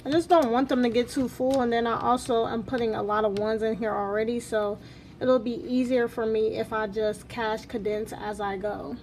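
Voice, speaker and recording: A woman's voice: on the high side, fairly even intonation, moderate pace, darkish tone, slight background noise. A woman vlog host chatting casually as she counts along, her articulation slightly altered by new braces. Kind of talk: casual chat while counting cash and cards.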